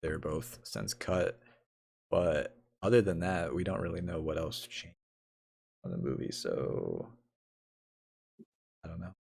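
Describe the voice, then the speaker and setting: A man's voice: sits low, expressive, a little slow, creaky, long pauses, darkish tone, slightly rough. A young man co-hosting a casual podcast, rambling with many fillers and frequent laughter. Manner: rambling, giggly, lots of fillers. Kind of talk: casual chat.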